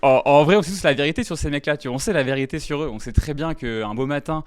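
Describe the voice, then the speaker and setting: A young man from the French countryside doing live stand-up on stage, talking fast and stammering through filler words. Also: fairly high pitch, clear, resonant tone. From rural France. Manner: talks fast, stammers and hesitates with many fillers. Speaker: stand-up comedian. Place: live comedy stage with audience.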